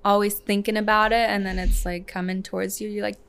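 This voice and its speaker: A woman's voice: mid-range voice, level tone, a little fast, creaky, a bit bright, smooth. Chatty laughing woman stylist. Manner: chatty, laughs often, many "like" fillers. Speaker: hairstylist and salon owner, guest. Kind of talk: casual podcast conversation.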